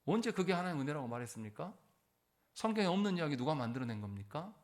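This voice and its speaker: A man's voice: fairly high pitch, very animated, fast talker. A man preaching a Sunday sermon in church as pastor. He keeps putting rhetorical questions to the congregation and answers them himself, pressing points with shifting force. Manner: emphatic, rising and falling in force.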